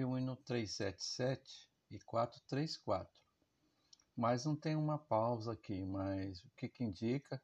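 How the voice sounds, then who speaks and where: A man's voice: fairly low pitch, a little mellow, muffled recording. A man teaching a music theory lesson, explaining patiently and often checking that his listeners follow.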